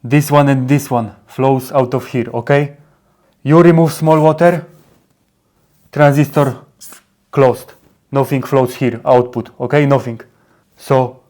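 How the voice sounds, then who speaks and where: A man's voice: medium pitch, a little mellow. A man giving a simplified explainer in caveman-like broken English, with short blunt phrases and dropped little words. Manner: short clipped phrases, often checking with "okay?". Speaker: presenter explaining electronics.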